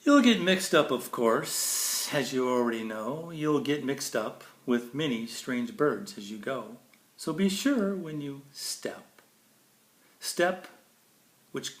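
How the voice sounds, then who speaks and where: A medium-pitched, slightly bright male voice brings a children's picture book to life in a theatrical, playful reading. He pauses for casual comments on the artwork. Faint background noise and a spacious echo fill the recording.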